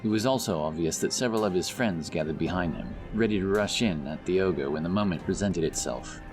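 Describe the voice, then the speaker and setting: With loud background music and outdoor effects behind him, a low-voiced man briskly narrates a scripted fantasy audiobook as its storyteller.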